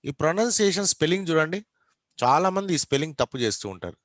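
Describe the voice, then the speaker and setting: A man's voice: a little high, very animated, fast, fairly bright tone, dry recording. A man with a Telugu accent lecturing an online class, mixing Telugu and English, questioning students and spelling words out letter by letter.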